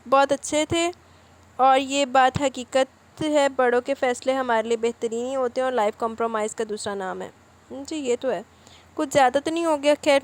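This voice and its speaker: A woman who hosts a novel-reading channel, reading out viewer comments and answering each one in casual chat. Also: sits high.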